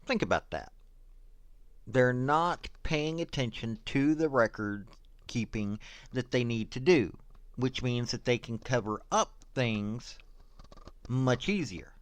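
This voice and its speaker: A man talks through official reports in blunt, casual commentary, dropping sarcastic asides between the dry passages he reads. His voice sits at an ordinary middle pitch. It is close to the mic in a dry space with no room echo. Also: animated, slow pace. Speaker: commentator on prison investigations. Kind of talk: opinionated commentary reading reports aloud.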